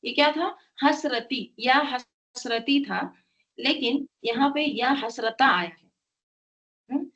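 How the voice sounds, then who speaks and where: Woman, Quran teacher, fairly high voice, patient word-by-word explanation, muffled lo-fi sound. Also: slow pace, fairly bright tone. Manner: explains word by word, checks in with "right?". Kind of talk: tafseer lesson. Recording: dull lo-fi sound.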